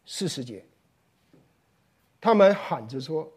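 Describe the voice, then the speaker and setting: A man preaching an expository sermon. He is animated and often acts out the voices he quotes. He repeats words and sometimes drops to a hushed, low voice for emphasis. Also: slow, husky.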